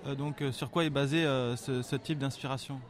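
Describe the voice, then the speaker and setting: A man's voice: medium pitch, fairly even intonation, fairly quick. A man interviewing a performer, asking questions hesitantly and rephrasing them as he goes. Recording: distant mic with music behind.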